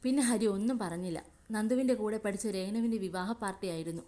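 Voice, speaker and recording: A woman storyteller narrating a romantic serial in a steady reading voice. She turns playful and chatty when she speaks to her listeners directly. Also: medium pitch, fast talker.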